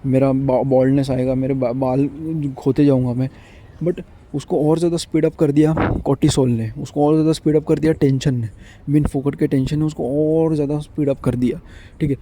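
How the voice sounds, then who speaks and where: A man's voice: medium pitch, flat delivery, a little fast, mellow, slight background noise. A man in his twenties giving an earnest, repetitive motivational monologue to the camera, switching between Hindi and English. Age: 20s. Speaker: vlogger.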